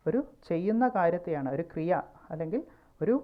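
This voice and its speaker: A woman teacher with a Malayali accent gives a pronunciation lesson, speaking slowly and repeating words to show where stress falls. Her voice is on the low side, and the audio sounds narrow and tinny.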